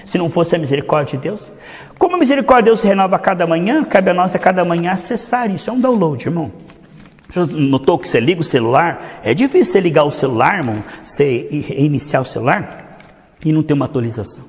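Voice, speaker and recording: A man with a Brazilian Portuguese accent preaching a sermon, telling stories and acting out the dialogue with lively energy. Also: on the high side, fast. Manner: animated storytelling, acting out dialogue. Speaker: pastor. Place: church hall. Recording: long hall reverb.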